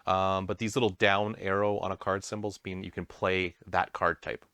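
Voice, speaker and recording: A man's voice: sits low, level tone, normal speed, a bit bright, clear, resonant tone, no room sound. A man hosting a casual board game stream, explaining the rules with self-deprecating asides. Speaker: host.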